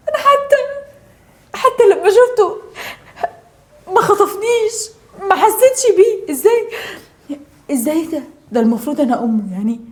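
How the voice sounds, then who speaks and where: A woman plays a betrayed young Egyptian mother in a web drama, her high voice quick and pressing. She swings between tearful laughter and bitter sarcasm. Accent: Egyptian Arabic. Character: Naghm, wronged young mother, betrayed by husband and friend. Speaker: actress.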